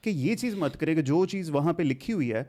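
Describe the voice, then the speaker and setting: A man in his thirties hosting a podcast and debating his guest heatedly, pushing back and quick to object. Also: on the high side, expressive, warm tone. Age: 30s. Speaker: podcast host.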